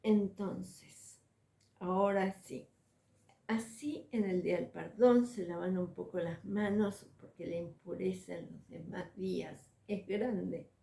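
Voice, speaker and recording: A woman teaching a religious lesson as a spiritual coach, measured and deliberate, pausing often to find her words. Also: fairly low pitch, gravelly, dark tone, echoey room.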